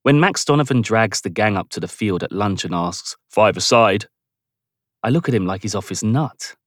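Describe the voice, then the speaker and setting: A man's voice: fairly low pitch, animated, fairly quick, dry recording, clean studio sound. A man narrating a first-person teen novel in a cocky, playful manner, voicing the other characters too. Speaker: audiobook narrator.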